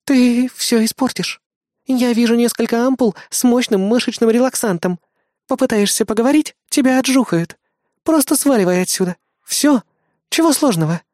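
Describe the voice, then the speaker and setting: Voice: medium pitch, fairly quick, darkish tone, dry recording, voice pushed up, close to an everyday voice. A reader voicing Eris, a blunt, sarcastic female assistant who scolds and mocks in a raised voice in a dry-sounding storybook reading. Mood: exasperated. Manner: scolding, mocking.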